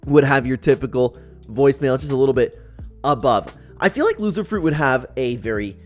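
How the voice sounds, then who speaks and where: A man with a mid-range, fairly quick voice hosts a gaming tier-list video, ranking people in casual, animated, chatty commentary and acting out imagined voicemails as impressions. Background music plays under his voice.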